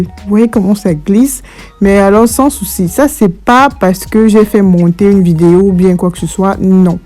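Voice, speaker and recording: A woman's voice: on the low side, warm tone. A woman narrating a casual hair care tutorial, speaking informally and directly to her viewers. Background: faint background music.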